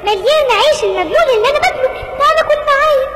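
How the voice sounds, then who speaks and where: Woman doing a shrill quacking duck. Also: lively intonation, very fast. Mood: chirpy. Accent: Egyptian. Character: loud quacking female duck. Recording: echoey with loud music behind.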